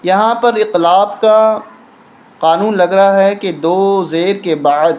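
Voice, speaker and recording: A man's voice: sits high, steady tone, a little mellow, dull audio. A man teaching a recitation lesson, patiently spelling out letters and rules one at a time. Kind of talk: step-by-step tajweed lesson.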